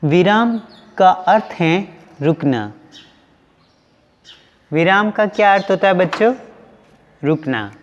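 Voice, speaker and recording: A man teaching an online class to young pupils, going slowly and repeating each question with its answer. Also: sits high, expressive, long reverb tail, muffled recording. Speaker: school teacher.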